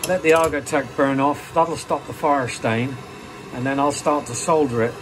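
An older silversmith works at his bench in a small workshop, plainly explaining each step as he goes. His mid-range voice is steady and moderately paced, and his practical, plain-spoken manner comes through over heavy background noise.

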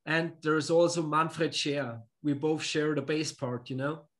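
On a video call from a room at home with pictures on its walls, an Austrian man appears as a musician guest in a casual interview chat. Relaxed and using simple, non-native English, he has a fairly high pitch and an unhurried delivery.

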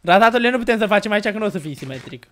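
A woman streaming a game live, chatting loudly and casually, teasing and laughing often. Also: mid-range voice, animated. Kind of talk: casual live gameplay chat.

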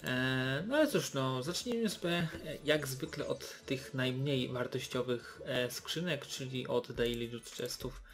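A man's voice: mid-range voice, a little slow, few pauses. A young man giving casual, hesitant commentary while opening game loot boxes, with many fillers and restarts. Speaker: gaming YouTuber.

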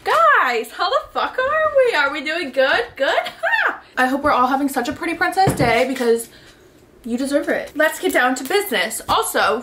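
This vlogger, a woman in her twenties, has a high, fairly bright voice. Seated at a camera in an echoey bedroom, she cheerfully reads out viewer submissions and dispenses advice, dropping casual swear words and filling her speech with "like."

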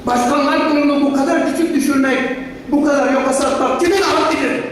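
A woman with a very high voice speaks combatively to an assembly in a fiery convention style. She fires off indignant rhetorical questions and repeats key phrases. The sound is distant, ringing around a large hall. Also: fairly even intonation, fast talker. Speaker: professional association leader addressing an assembly. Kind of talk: impassioned political-style convention speech. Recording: echoey hall, distant mic, noisy.

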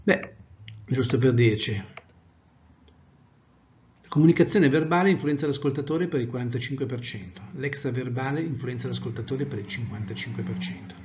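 A male trainer giving an animated lecture, swinging from loud to soft to demonstrate tone. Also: medium pitch, dull audio. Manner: animated, varies volume widely, demonstrates tones of voice.

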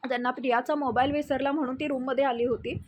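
Chatty woman recapping a serial, talks straight to viewers, opinionated, high-pitched voice. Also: fairly even intonation, fast talker, slight background noise. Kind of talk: casual storytelling recap addressing viewers.

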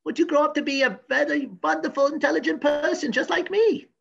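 In an improvised mock news interview sketch, a man plays a cranky, pompous professor who rambles and stammers through advice. He uses a full character voice that is very high, fairly quick and creaky, and the recording is muffled.

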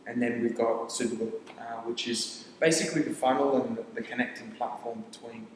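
This medium-pitched, steady voice belongs to a young founder from Papua New Guinea whose first language is Tok Pisin. Chatting casually in an interview among studio armchairs, he rambles, restarts phrases, and lists ideas rapidly, with slight hiss or hum and a long reverb echoing around the room.

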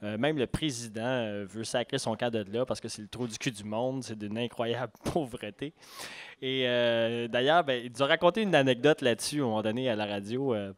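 A man's voice: mid-range voice, brisk, dry recording. A man with a Québécois accent hosting a poetry evening in a library café, introducing the next guest in a rambling way full of fillers. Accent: Québécois French. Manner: rambling, filler-heavy, chatty. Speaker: event host. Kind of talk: introducing a guest at a live reading.

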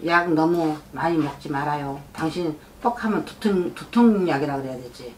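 A middle-aged woman speaks in a deep, darkish voice at a moderate pace, with a little hiss or hum in the recording. She is a shaman giving a fortune-telling consultation in an indoor shrine office, bluntly advising and scolding her client while asking again and again if she's understood.

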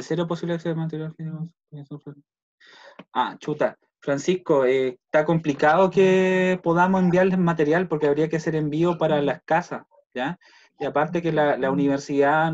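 A man from Puerto Montt, Chile, speaks with a Chilean accent in a slightly high, mellow voice. At home, he casually hosts a virtual university welcome session, reading out messages over a video call. The computer microphone gives dull, lo-fi video-call audio.

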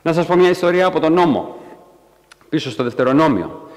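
Animated preacher man, ringing hall. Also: a little high. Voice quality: animated, acts out quotes in a raised voice. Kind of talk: sermon. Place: church hall.

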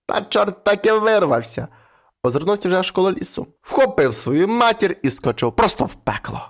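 A man's voice: very animated, moderate pace. Ukrainian man telling a folk tale. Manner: acts out characters with shifting pitch. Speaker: narrator.

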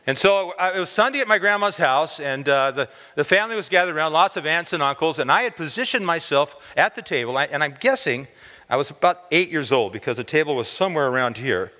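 A man in his sixties telling a story in an animated chapel sermon, gesturing as he speaks on a large dark stage, with many stammered repeats when excited. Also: on the high side. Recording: long hall reverb.

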